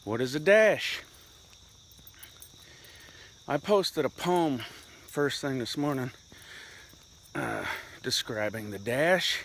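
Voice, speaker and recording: This middle-aged vlogger talks while he walks outdoors, slightly winded from the uphill climb, his monologue casual, rambling and reflective. He has a medium-pitched, fairly bright voice and is animated but slow, pausing often, with slight background noise behind him.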